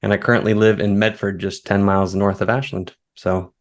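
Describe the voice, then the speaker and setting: A man in his thirties, a guest on an interview podcast, telling long stories in a relaxed, easygoing way. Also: on the low side, a little fast. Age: 30s. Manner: relaxed, storytelling, now and then laughing. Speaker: guest, foraging expert. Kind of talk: conversational interview.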